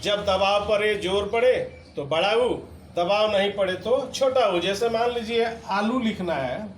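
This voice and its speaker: A man's voice: high-pitched, unhurried. A man teaching a video lesson, explaining patiently and stressing each example word. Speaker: Hindi teacher. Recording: echoey room with faint background noise.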